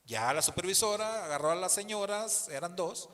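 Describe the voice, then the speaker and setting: A man's voice: high voice, normal speed. A man with a Mexican accent, a pastor telling a story in a sermon and acting out the people in it. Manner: animated storyteller who acts out the people in the story. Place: church hall. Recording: long hall reverb.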